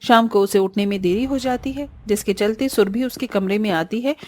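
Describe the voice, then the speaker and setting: A woman telling a scripted family story as the narrator, in a steady, even manner. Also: mid-range voice, normal speed, dry recording.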